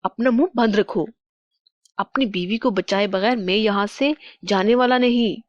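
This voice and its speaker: Woman playing a commanding cartoon king, slow and firm. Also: mid-range voice, no room sound, muffled recording, lightly acted. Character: brave, commanding young king.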